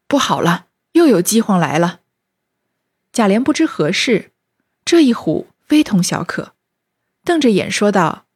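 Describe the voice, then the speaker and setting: Husky woman narrating a classic novel. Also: mid-range voice. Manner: steady retelling, lightly acting out speech. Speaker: storyteller.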